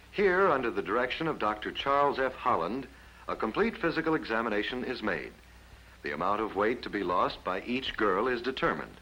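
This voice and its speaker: Narrating a 1950s educational film from a script, an American announcer speaks with formal, measured delivery at medium pitch. The voice is a bit bright and slightly rough, and the old soundtrack recording is rough too.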